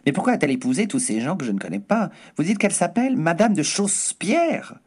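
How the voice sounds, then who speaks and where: A haughty aristocratic duchess, sharp-tongued and mocking, as a male reader puts her on. Her voice leaps high and swoops with imperious disdain. Every word is clipped and theatrical. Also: big pitch swings, fast, husky. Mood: surprised.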